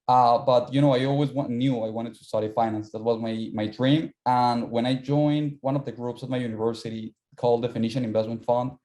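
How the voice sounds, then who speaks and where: Mellow young man. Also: medium pitch, fairly even intonation, a little fast, hardly any pauses. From Colombia. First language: Spanish. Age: young adult. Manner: casual, repeats words while searching for them. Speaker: interview guest, university finance student. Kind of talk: casual interview.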